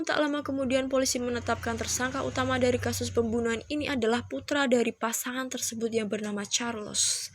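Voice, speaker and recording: A woman's voice: fairly high pitch, no echo. A woman hosting and reading scripted narration for a mystery countdown. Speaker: host of a true-crime countdown channel.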